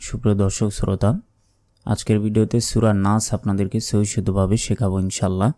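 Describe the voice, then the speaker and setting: A man teaching Quran recitation, explaining each sound slowly and chanting the verses in long drawn-out tones. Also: on the low side, flat delivery, dark tone, no room sound. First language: Bengali. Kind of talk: slow step-by-step recitation lesson.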